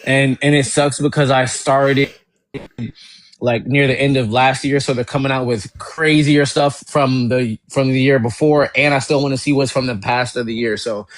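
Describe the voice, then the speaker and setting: Man, casual chat guest, excited, rambling, laughing, dry recording. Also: mid-range voice, normal speed, no room sound.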